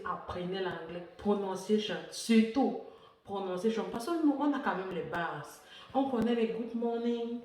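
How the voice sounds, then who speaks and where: Woman from francophone africa vlogging, chatty, repeats herself, far from mic in a boomy room. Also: darkish tone, very echoey. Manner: chatty, repeats words, laughs often. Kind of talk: casual personal vlog talk.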